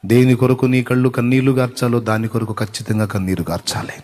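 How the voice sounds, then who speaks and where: A man's voice: mid-range voice, quick pace, a little mellow, in a large hall. A man preaching a sermon as a pastor, exhorting with emphatic repetition.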